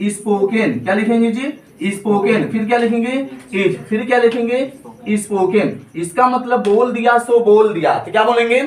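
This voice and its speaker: A man's voice: sits high, fairly bright tone, roomy sound, recorded from a distance. A man teaching spoken English, drilling each point with repeated questions and answers in a classroom style. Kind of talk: classroom grammar lesson.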